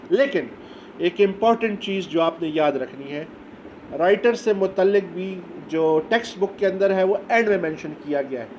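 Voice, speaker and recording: A man, an English teacher giving a recorded lecture, explaining step by step and reading English passages slowly. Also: sits high, a little hiss or hum. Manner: explains step by step, often asks "ٹھیک ہو گیا؟".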